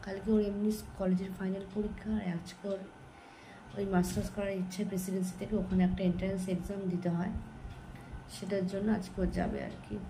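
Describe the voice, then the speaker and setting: A tired woman, talking softly and slowly to her phone camera at home in the early morning. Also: mid-range voice, flat delivery, slight background noise, rough recording. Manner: speaks softly and slowly so as not to wake her family. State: sleepy and tired. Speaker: vlogger. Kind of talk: casual chat to camera.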